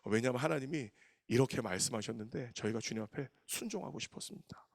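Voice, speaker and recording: A man in his thirties preaching, telling a personal story with animated, emotional delivery and acted quotes. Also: medium pitch, quick pace, gravelly, no room sound, studio quality. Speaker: pastor. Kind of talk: storytelling sermon.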